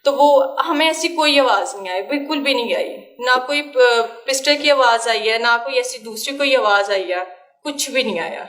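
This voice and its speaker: A woman, her voice sitting high. She recounts events to an interviewer in a halting way, repeating herself and restarting often. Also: fairly bright tone.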